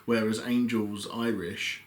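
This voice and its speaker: A British man co-hosting a reaction chat, giving measured, opinionated remarks. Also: fairly low pitch, flat delivery, a loud crowd. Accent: British English. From Britain. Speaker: co-host. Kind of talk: casual chat. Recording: echoey room, faint background noise.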